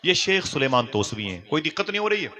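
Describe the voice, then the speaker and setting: A man preaching a sermon as a story, swinging from loud exclamations to hushed tones and calling on the crowd to answer aloud. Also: on the high side, very animated, fast talker. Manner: calls on the audience to respond aloud.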